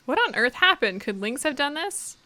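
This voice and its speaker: A woman's voice: high voice, big pitch swings, normal speed, bright, forceful tone, pitched above the performer's own voice, full character voice. A woman reading the lines of an earnest young male swordsman in a video game, in an urgent, questioning tone. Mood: alarmed.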